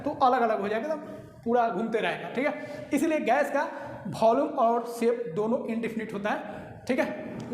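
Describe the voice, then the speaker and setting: A man teaching a recorded lecture, explaining patiently and often pausing to check that listeners follow. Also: very high-pitched. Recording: echoey hall with long reverb.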